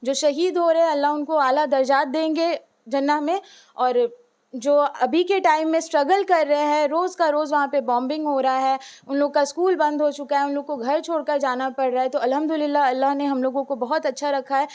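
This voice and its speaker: Speaking fairly quickly in a high, steady, darkish voice, a woman teacher gives heartfelt, earnest interview answers. Hindi and English mix in her speech, along with frequent "uh"s.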